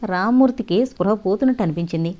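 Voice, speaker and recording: A woman narrating an audio novel in an expressive storytelling style. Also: medium pitch, fast talker. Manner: expressive reading. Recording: dull lo-fi audio.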